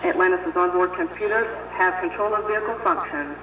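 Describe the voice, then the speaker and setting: High-voiced man on breaking-up space radio. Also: fairly even intonation, fairly quick. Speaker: launch commentator. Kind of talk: measured launch countdown commentary. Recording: distant echoey lo-fi radio playback with hiss.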